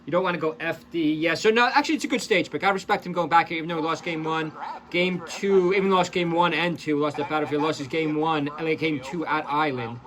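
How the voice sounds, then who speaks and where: A man with a notably high voice commentates fighting game matches for his channel. He calls each play in quick, excitable bursts and keeps breaking into casual chatter aimed straight at his audience. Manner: excitable, rapid play-by-play mixed with chatty asides to viewers. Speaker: esports commentator and channel host.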